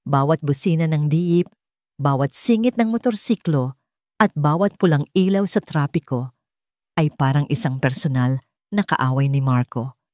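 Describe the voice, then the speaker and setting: An animated woman with a Filipino accent narrates a scripted dramatic audiobook story at normal speed, her voice deep and darkish. It's clean studio audio with no room sound.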